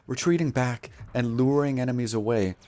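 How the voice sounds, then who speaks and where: Speaking at normal speed in a medium-pitched, darkish voice, a man narrates a video game in scripted mock-epic style. He's a video storyteller and gamer, and his manner is grandiose, theatrical, and mock-solemn.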